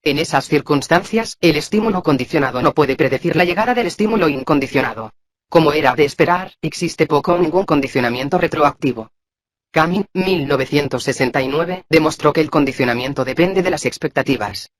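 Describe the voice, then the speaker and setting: A man's voice: fairly high pitch, brisk. Man reading a psychology textbook aloud. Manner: even, flat reading that voices abbreviations letter by letter. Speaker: textbook reader. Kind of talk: scripted read-aloud lesson.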